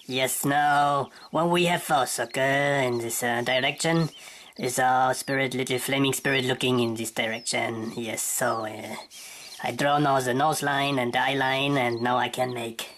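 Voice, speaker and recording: A woman's voice: very deep voice, a bit bright, a little hiss or hum. A woman hosting a drawing tutorial, talking her way through a sketch and searching for words in English as she goes. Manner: thinking aloud while sketching.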